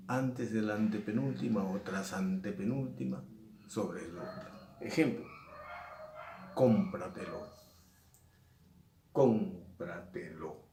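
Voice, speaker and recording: A male teacher, explaining a lesson slowly and repeating and stressing key words. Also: on the low side, warm tone, a little hiss or hum. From Peru. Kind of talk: recorded lesson. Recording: echoey room, mic at a distance.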